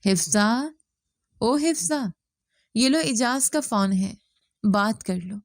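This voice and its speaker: A woman voicing an older mother-in-law who speaks softly and plays the victim. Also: on the high side, animated, dry recording, studio quality. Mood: sly. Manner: soft complaining tone, plays the victim. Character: older mother-in-law, sly and self-pitying.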